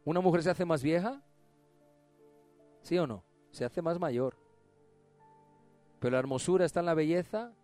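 A man preaching a sermon, swinging between emphatic exclamations and quiet, low drops. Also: animated, normal speed, long pauses, soft background music.

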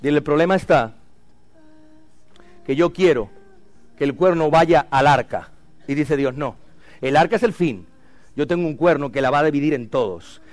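A man preaching a sermon as pastor, swinging from loud cries to hushed lines. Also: a little high, moderate pace, long pauses, dry recording.

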